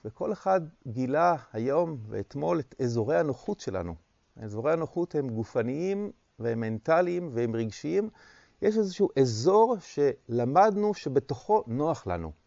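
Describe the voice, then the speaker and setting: A man giving a reflective dharma talk as a meditation teacher, speaking in short phrases with pauses and repetitions. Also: mid-range voice, expressive, creaky, darkish tone, dry recording, highs cut off.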